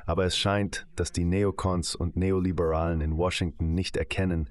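A man with a very deep voice reads a dubbed interview answer in German. His delivery is measured and explanatory, steady from phrase to phrase. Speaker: interview guest.

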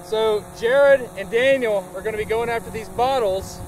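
A man's voice: high voice, normal speed. A man leading an experiment in an open field, calling out words and commands. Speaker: leader of the experiment. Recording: noisy outdoor field with gunfire. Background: gunfire and noise.

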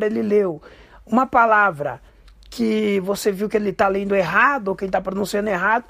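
Chatty man with a gravelly voice. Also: very high-pitched, dry recording. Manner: relaxed, chatty, explains step by step. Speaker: tutorial presenter. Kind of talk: casual spoken tutorial.

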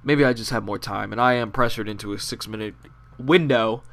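A man's voice: mid-range voice, brisk, gravelly, fairly bright tone. A young man giving rambling, profane, sarcastic commentary over his gameplay, with a nasal voice. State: out of breath. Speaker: gaming commentator.

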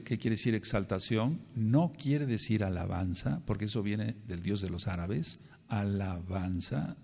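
A man's voice: mid-range voice, a little mellow, in a large hall. A man with a Mexican Spanish accent giving an earnest sermon-style Bible lesson, repeating and spelling out words to stress them. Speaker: congregation leader teaching.

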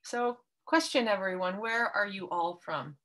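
A Canadian woman, an art workshop instructor, leads an online paper craft session over a video call, walking through each step patiently and kindly. Her voice is medium in pitch and a bit bright, and she takes her time.

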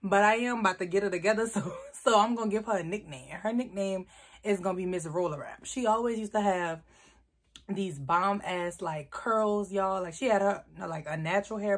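A young woman vlogger telling a story to her viewers, chatty and animated, often calling them y'all and swearing freely. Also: mid-range voice, brisk. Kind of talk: casual storytime.

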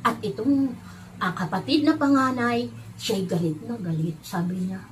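A woman with a high, light voice teaches Sunday school. She tells a children's Bible story in an animated way and often turns to speak to the young listeners directly. A faint hiss sits under her voice. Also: moderate pace. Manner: animated, addresses the children directly, acts out the characters' lines.

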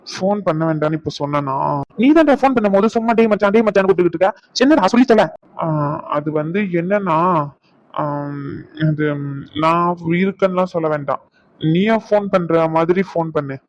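A man voicing a young hospital worker in a cartoon; he talks in a brisk, bossy way and mixes in English words. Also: high-pitched, highs cut off. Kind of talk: cartoon voice acting.

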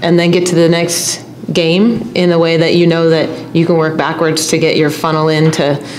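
A middle-aged woman head coach answering reporters' questions at a postgame press conference, speaking in a measured, steady way into a table mic. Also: low-pitched. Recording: echoey room, faint hum.

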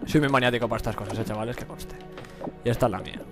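A man's voice: medium pitch, very fast, music in the background, low-quality recording. A young man with a Spain Spanish accent, giving slangy, profane live gameplay commentary and laughing often. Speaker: gaming streamer.

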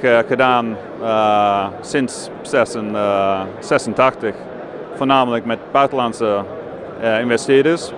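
Male director, forties, native English speaker with English accent. Slow, halting interview delivery, clear trade-fair bustle behind. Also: medium pitch, background noise. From London, England. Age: 40s. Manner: halting, searching for words in second language. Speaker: company director being interviewed. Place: busy indoor trade fair stand. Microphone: handheld interview microphone close below chin. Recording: clear bustle of busy exhibition hall behind.

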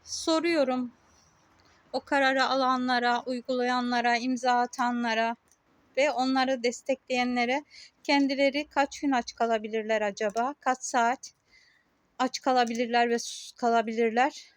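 A woman with a high voice talks straight to her camera outdoors. She is indignant and emphatic, and she hammers her point home in short, repeated phrases. Her tone is plain and conversational. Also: flat delivery, moderate pace, dry recording. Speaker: vlogger. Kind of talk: casual talk to camera. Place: outdoors on a street.

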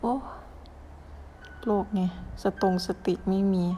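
A woman's voice: takes it slowly, dark tone, slight background noise. A woman giving casual running commentary on a mobile horror game, exclaiming, swearing and scolding the game as she plays. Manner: chatty running self-talk with sudden exclamations.

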